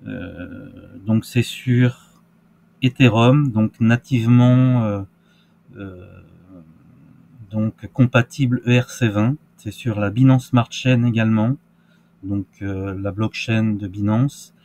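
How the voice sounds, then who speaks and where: A man's voice: fairly low pitch, steady tone, slow pace, vocal fry, darkish tone. A man giving casual crypto market commentary, hesitant with many fillers and restarts. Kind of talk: casual screen-share market analysis.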